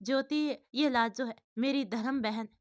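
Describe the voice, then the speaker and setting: A woman's voice: fairly high pitch, fairly even intonation, measured pace, no room sound, studio quality, natural voice. A woman voicing a friendly, welcoming young husband in a storybook tale. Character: young husband, warm, easygoing.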